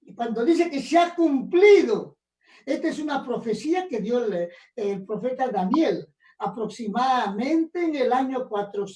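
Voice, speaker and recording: A woman preaches a sermon with a high-pitched voice and a slow, deliberate pace. She tells her testimony emphatically and bursts into shouts on key phrases. The mic sits some way off in an echoing room. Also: expressive. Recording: echoey room, mic at a distance.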